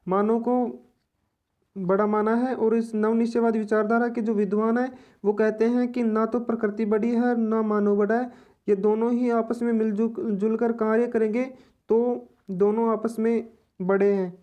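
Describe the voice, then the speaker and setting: A woman teaching an exam-prep lesson, explaining slowly and repeating each point in other words. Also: on the high side, level tone, mellow.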